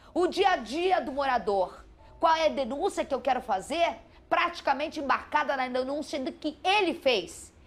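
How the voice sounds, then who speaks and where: High-pitched rio woman anchor talking slow and emphatic, fired up, bit of music behind. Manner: emphatic, deliberate, rising to forceful outbursts. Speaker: TV news presenter. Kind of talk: impassioned live studio commentary. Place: TV studio.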